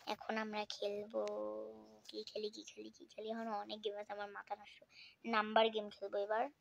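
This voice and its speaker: A woman giving casual, chatty commentary while playing mobile games, often dropping into a hushed whisper. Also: mid-range voice, completely flat delivery, moderate pace, gravelly, faint music behind. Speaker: gaming vlogger.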